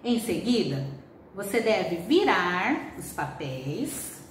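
A woman teacher with a Brazilian Portuguese accent, giving slow, clearly spelled-out instructions in a recorded lesson for children. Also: on the low side, big pitch swings, a little hiss or hum. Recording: roomy distant home recording.

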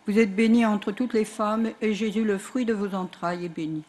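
A woman leading a recited rosary outdoors, evenly paced, her lines trailing softly at the end. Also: medium pitch, moderate pace, a little hiss or hum. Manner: even recitation, trailing softly at line ends. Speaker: prayer leader at an outdoor rosary.

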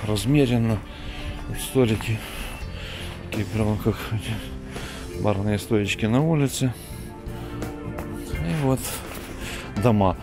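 A middle-aged man giving a chatty, unhurried walking tour of city streets at night, coughing now and then, filmed on a handheld camera. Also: mid-range voice. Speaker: vlogger. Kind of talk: casual walking tour commentary.

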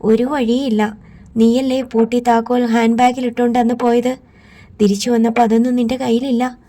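A woman's voice: fairly high pitch, flat delivery, moderate pace, mellow, close to an everyday voice. A woman reading an audiobook, voicing a strict, protective grandmother who scolds and insists. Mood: stern.

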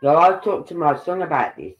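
With a fairly high voice, big pitch swings, and a fairly quick pace, an older, congested-sounding man rambles through a casual true-crime livestream from home. He reads posts aloud, muses, and cuts off mid-sentence, all in lo-fi sound.

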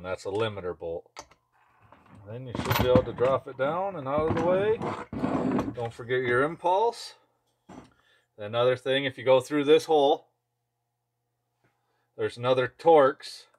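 This chainsaw mechanic and video host speaks in a mid-range voice at a measured pace, leaving long pauses as he casually demonstrates hands-on work at an indoor workshop bench. He talks offhandedly in short phrases. The clear recording carries background noise and tool clicks.

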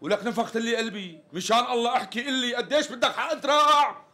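A man's voice: on the high side, expressive, fast, a bit bright. A man playing an impatient, short-tempered customer who keeps demanding a price, speaking with a Syrian accent in a TV sketch comedy. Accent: Syrian Arabic. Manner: blunt, increasingly irritated demands. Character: impatient exasperated male customer, quick to anger.

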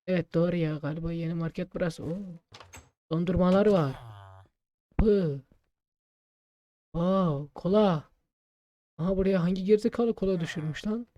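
A man gaming and role-playing, muttering to himself with quick exclamations in casual let's play commentary. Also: high-pitched, warm tone, no room sound, muffled recording.

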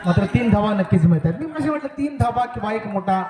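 A high-voiced man calls a village cricket match through an outdoor loudspeaker, his words bouncing around the open ground. A busy crowd is clearly heard behind him. He mixes joking asides with repeated pleas for the spectators to behave. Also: expressive, fast, echoey room. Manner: jokey, repeatedly pleads with the crowd to cooperate. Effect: over an outdoor loudspeaker. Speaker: match commentator. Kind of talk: live local cricket commentary.

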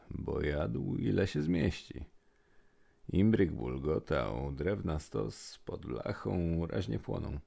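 Man, rhymed poem narration, very deep voice, slow, husky, gravelly. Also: a little mellow. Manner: rhythmic, sing-song verse delivery.

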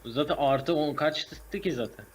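A man's voice: a little high, measured pace. A young man playing as a teammate, bluntly calling out plays and swearing as he talks. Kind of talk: casual gaming banter.

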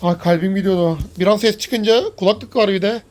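A man giving lively let's-play commentary, chatting to his viewers and yelling when something startles him. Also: high-pitched, normal speed. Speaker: gaming YouTuber.

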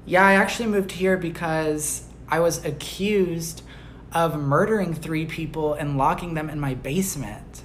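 A woman doing a deadpan one-person comedy skit, playing both characters. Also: low voice, a little slow, background noise. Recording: echoey room.

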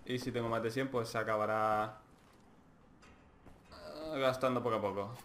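A man with a Spain Spanish accent giving excitable gameplay commentary, swearing often and talking to himself. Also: on the low side, normal speed, a little hiss or hum. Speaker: let's play host.

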